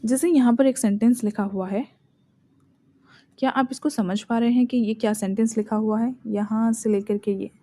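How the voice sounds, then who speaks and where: An Indian-accented woman leads a spoken English lesson, explaining in Hindi and slowing right down to read each English example sentence. Her voice sits a little high, with a warm, mellow tone. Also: fairly even intonation. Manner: slow, deliberate reading of English example sentences. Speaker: English teacher.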